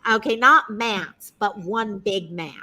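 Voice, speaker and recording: A woman hosting a casual livestream chat, bubbly and quick to laugh. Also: medium pitch, pushed and bright, low-quality recording. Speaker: livestream host. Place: home, on a live video stream.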